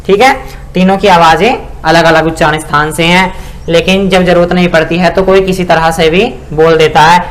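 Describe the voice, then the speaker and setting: A man with a high, light voice explains pronunciation as a teacher would. He speaks, sounds out syllables one at a time, and keeps checking that his listeners are following. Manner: repeats "ठीक है ना" and sounds out syllables slowly. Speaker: Sanskrit grammar teacher. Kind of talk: spoken lesson explaining pronunciation.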